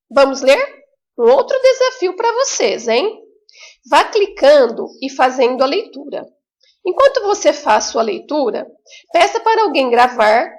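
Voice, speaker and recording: A woman teaching a remote lesson to young children with a Brazilian Portuguese accent, in a slow, sing-song, encouraging way with drawn-out words. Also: high voice. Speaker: primary school teacher.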